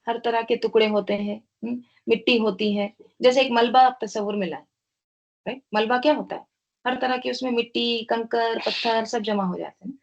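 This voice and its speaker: A woman with a slightly high voice teaches a Quran tafsir lesson. She recites verses slowly, then breaks down word roots step by step, asking questions and answering them herself. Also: creaky, a little mellow, muffled recording. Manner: explains word roots step by step, asks and answers own questions, tag "right?".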